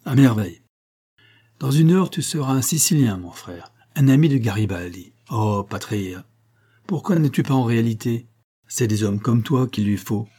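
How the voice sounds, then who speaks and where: A man voicing a jovial, theatrical male opera singer who speaks in a lively, expansive and commanding way. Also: mid-range voice, moderate pace, lightly acted.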